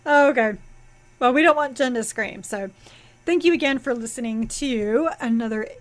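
A woman with a fairly high voice co-hosts a laid-back comics podcast at a moderate pace. She rambles through plot recaps, full of fillers and restarts.

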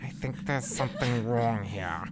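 A woman's voice: a bass voice, measured pace, very noisy. A woman voicing Thornwick, a pompous, suspicious male adventurer wizard, in a comedic audio drama. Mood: scheming. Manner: smug accusing, then blubbering.

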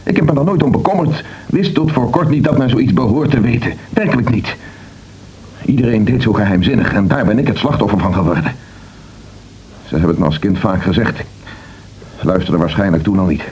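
A man's voice: mid-range voice, a little mellow, slightly rough, low-quality recording. An actor playing a defiant man who doubts the fixed hour of death, with an intense, probing manner, in a radio drama.

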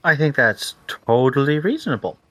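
Podcast guy keeping things moving, husky voice, dry, lively pitch. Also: moderate pace. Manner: steers the discussion, dry and matter-of-fact. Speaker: podcast co-host. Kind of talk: casual chat.

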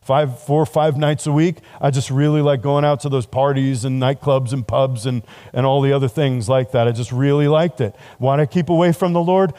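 Conversational preacher man with a mellow voice. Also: medium pitch, steady tone, fairly quick. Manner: conversational, self-deprecating, laughs often. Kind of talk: sermon to students.

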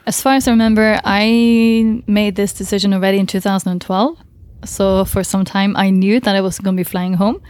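A woman's voice: medium pitch, fairly even intonation, moderate pace, hardly any pauses, darkish tone, dry recording. A woman guest in a conversational interview, speaking thoughtfully and hesitantly with frequent fillers and laughs. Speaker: interview guest, long-distance cyclist.

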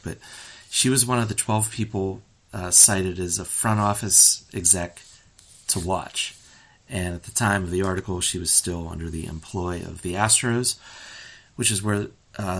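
Deep-voiced opinionated man hosting a podcast. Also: fairly bright tone. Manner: opinionated, rambling with fillers. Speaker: podcast host. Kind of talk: casual sports podcast chat.

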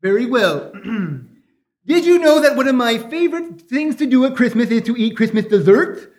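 A man's voice: extremely high pitch, very animated, moderate pace, darkish tone. A man voicing a dopey, cheerful cartoon moose who grandly recites poetry in a goofy voice for a radio-style comedy sketch. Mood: pompously pleased. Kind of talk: old-time radio variety sketch.

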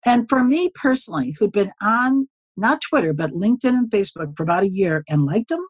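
Casting: woman in her 70s, husky, dry close sound, chatty storyteller who wanders into asides. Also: mid-range voice, expressive, fairly quick, no room sound. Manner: rambling, folksy, often circles back with asides. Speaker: podcast guest, social media consultant. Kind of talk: casual storytelling interview.

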